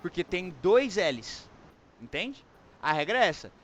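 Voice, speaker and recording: A man's voice: sits high, very animated, unhurried, a bit bright, a little hiss or hum. A man teaching English online, with a Brazilian Portuguese accent, giving encouraging feedback and explaining pronunciation rules in Portuguese and English.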